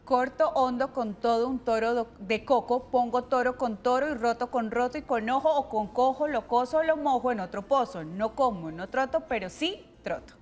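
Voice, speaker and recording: A woman co-hosting a morning TV show, reading tongue twisters slowly and carefully and laughing between them. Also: on the high side, a little mellow. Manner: careful slow reading, giggly banter. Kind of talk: casual studio chat. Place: TV studio.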